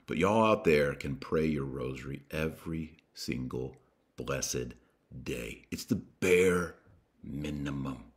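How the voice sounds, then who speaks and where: Emphatic and preachy, a man with a deep, low voice addresses his religious podcast audience. He repeats key points and pauses for dramatic weight, blending in colloquial language as he exhorts them.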